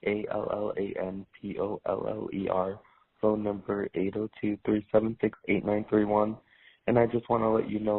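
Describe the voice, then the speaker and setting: A man's voice comes through a tinny, narrow phone voicemail. His low, gravelly, husky delivery turns profane and menacing as he spells out his details. The recording carries a thin, lo-fi phone quality. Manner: threatening, profane, spells out his name and number. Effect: voicemail played back over a phone line. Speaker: caller leaving a voicemail.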